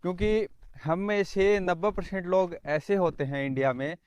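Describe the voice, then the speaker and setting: A man's voice: high-pitched, fairly even intonation, moderate pace, darkish tone, smooth, no echo. A young man from Rajasthan, talking earnestly in a casual vlog and often calling the viewer "brother". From Rajasthan, India. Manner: earnest, repeats phrases, says "bhai" often. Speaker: vlogger.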